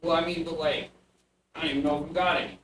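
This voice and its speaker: A man voicing a small bugbear child in a tabletop game, a pushy street hustler with slangy, wheedling patter and a little yet slightly deep voice. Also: flat delivery, quick pace, a bit bright, close to an everyday voice. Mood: scheming. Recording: roomy, distant mic with faint noise.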